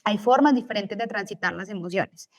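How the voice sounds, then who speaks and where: A woman's voice: medium pitch, brisk. A young woman lecturing as a teacher in a recorded course, explaining each point and checking in with tag questions.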